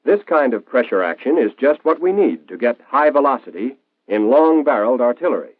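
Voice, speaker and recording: An American man narrates over a tinny, band-limited old film soundtrack, explaining things in a clear, instructional 1940s manner while his pitch rises and falls lively. The recording is brisk and dry, with almost no room around his voice.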